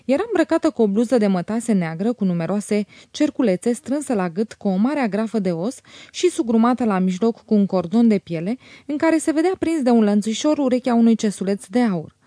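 A woman narrating a classic novel as an audiobook, in a measured, even reading on a close mic. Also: on the high side, dry recording.

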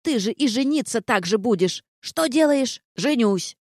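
A woman's voice: animated, a little slow, no room sound, studio quality. A woman voicing a grumpy female stone gargoyle warden who shrieks and scolds everyone. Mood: scolding. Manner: shrill, scolding, yelling.

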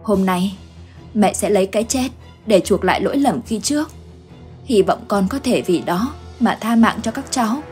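A woman voicing a desperate old grandmother who pleads slowly for mercy in a told ghost story. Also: medium pitch, animated, a little mellow, soft background music, close to an everyday voice. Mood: pleading. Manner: pleading, slow.

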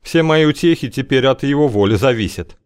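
A man's voice: medium pitch, lively intonation, brisk, smooth, voice pushed up, lightly acted. A man reading an audiobook, voicing a guarded, evasive wanderer with a dry, wry way of talking.

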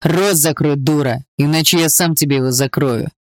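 A man voicing a smooth, sadistic middle-aged stepfather who speaks in a falsely fatherly tone. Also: a little high, moderate pace, no room sound, clean studio sound, close to an everyday voice. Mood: cold menace. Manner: mock-gentle, fatherly menace.

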